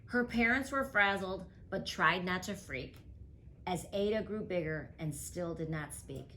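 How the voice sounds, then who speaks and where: A woman reading a rhyming picture book aloud as a guest reader, with a rhythmic, expressive delivery. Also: lowish voice, a little slow, a little hiss or hum.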